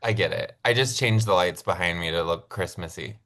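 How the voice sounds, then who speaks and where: Man, podcast co-host, lowish voice, chatty and excitable with lots of ums. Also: brisk. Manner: chatty, excitable, many fillers. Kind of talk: casual chat.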